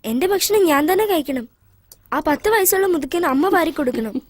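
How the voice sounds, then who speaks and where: A woman's voice: sits high, expressive, fairly quick, dry recording, clean studio sound. A woman voicing a talkative six-year-old girl in a dubbed film. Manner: talkative, childlike. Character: chatty little girl of six. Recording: film dub with music behind.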